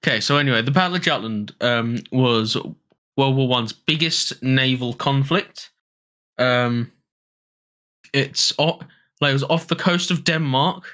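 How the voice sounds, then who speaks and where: A young British man from Britain co-hosting a casual history podcast, joking around and reading out facts a little haltingly. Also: mid-range voice, sharp tone. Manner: jokey, laughs often, reads facts haltingly. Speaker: co-host.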